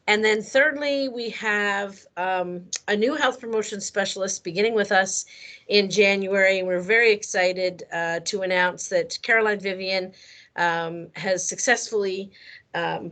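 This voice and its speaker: A woman giving friendly, steady team announcements on a work video call. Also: mid-range voice, a little slow. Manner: friendly, steady, some fillers. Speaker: health promotion team lead.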